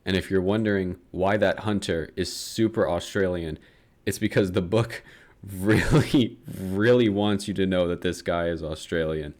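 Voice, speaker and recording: A man's voice: low-pitched, fairly even intonation, measured pace, darkish tone. A young man narrating a comedic book summary in a sarcastic tone, swearing freely and laughing at his own lines.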